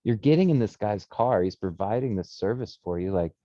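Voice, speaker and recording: A man co-hosting a podcast, telling stories in a casual, animated way with lots of fillers and swearing. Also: fairly low pitch, a little fast, no echo, lo-fi sound. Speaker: podcast co-host. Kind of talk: casual chat.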